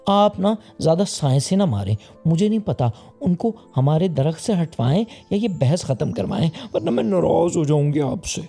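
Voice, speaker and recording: A man's voice: a little high, animated, creaky, few pauses, mellow, faint music behind, voice pushed up. A man voicing a fussy, complaining female bird who nags her husband. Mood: sulky. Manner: complaining, sulky. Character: fussy female songbird, nagging wife.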